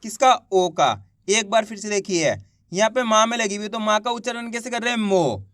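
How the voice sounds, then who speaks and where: A man teaching children to read Hindi, sounding out each syllable slowly and then stretching the whole word, and often asking whether it is clear. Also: high-pitched, fairly bright tone, no echo, studio quality. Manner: addresses viewers as friends and asks if it is clear. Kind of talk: slow syllable-by-syllable reading lesson.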